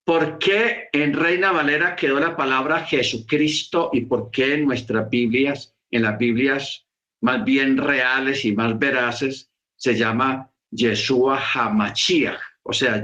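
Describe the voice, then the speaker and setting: A man gives a sermon-style lesson at an unhurried pace. He explains patiently and repeats his key points for emphasis, with a mid-range voice. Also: mid-range voice, pushed and bright, reverberant. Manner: slow, repetitive, emphatic explaining. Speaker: teacher of a messianic congregation. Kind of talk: sermon teaching.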